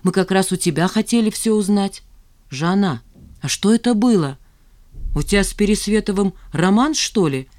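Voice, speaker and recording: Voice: mid-range voice, moderate pace, pitched above the performer's own voice, natural voice. An audiobook reader voicing a nosy, jealous male friend who chatters animatedly. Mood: gossipy. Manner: gossipy, animated. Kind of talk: audiobook character voice.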